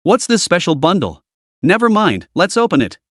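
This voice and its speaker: A man's voice: high-pitched, huge pitch swings, moderate pace, no room sound, clean studio sound. A man voicing a wry, scheming young male beast tamer who mutters his thoughts aloud in a storybook recap.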